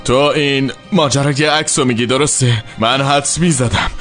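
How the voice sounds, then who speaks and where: A man's voice: mid-range voice, fairly even intonation, a bit bright, faint music behind, lightly acted. A man dubbing a young man who stays flippant and teasing under threat. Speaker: dubbing actor. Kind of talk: dubbed TV drama.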